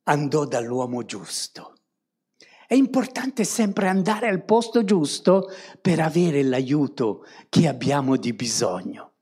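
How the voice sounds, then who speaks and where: A woman's voice: low-pitched, lively intonation, a little slow, dark tone, slightly rough. A woman preaching a sermon to a congregation, often tagging on rhetorical questions to draw her listeners in.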